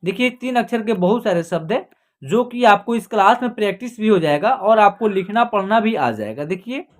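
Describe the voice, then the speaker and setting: A woman teaching beginners to read in an online class, spelling out each letter and then asking and answering her own questions about how the word sounds. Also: on the high side. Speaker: Hindi reading teacher. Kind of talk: online beginner reading lesson.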